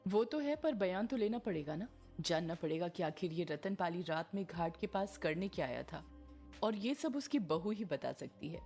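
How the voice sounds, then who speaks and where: A stern, clear-headed woman officer, played by a woman narrator, calm and commanding in her delivery. The tone is dark and mellow, with faint music behind. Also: lowish voice, moderate pace. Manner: firm, commanding, thoughtful.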